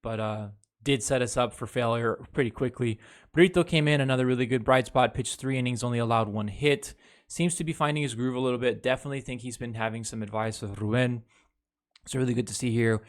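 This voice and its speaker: A baseball fan commentator with a brisk, medium-pitched voice gives a loose, casual recap of a series. Blunt and heavily profane, he talks over game footage as he reviews plays.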